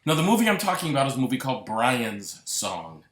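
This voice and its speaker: A man's voice: mid-range voice, very animated, fairly quick. Earnest man hosting a podcast, roomy sound. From Massachusetts. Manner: earnest, lingering on repeated words. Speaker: podcast host. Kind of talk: reflective solo podcast monologue. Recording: roomy echo.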